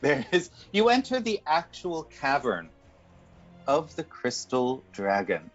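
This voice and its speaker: Animated male game master, lo-fi sound. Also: fairly high pitch, slow. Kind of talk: narrating a tabletop game. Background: music.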